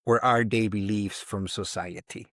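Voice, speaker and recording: A podcast guest in his fifties gives reflective interview talk, speaking emphatically and often voicing his inner thoughts as quotes. His voice is on the low side, fairly bright, a little slow and fairly even in intonation, recorded cleanly in a studio with no room sound.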